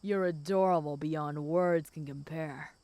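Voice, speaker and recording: Flirty, smooth-voiced female werewolf, acted by a woman. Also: sits low, steady tone, unhurried, no room sound. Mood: flirty, possessive. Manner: flirty, teasing, with soft chuckles. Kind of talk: intimate audio role-play to the listener.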